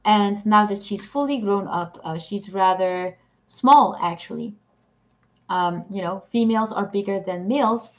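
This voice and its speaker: Reading comments on a relaxed live stream, this young woman from Belgium speaks English with the accent of her native Belgian Dutch. Her mid-range voice keeps a measured pace, and she's chatty and giggly, often making fun of herself.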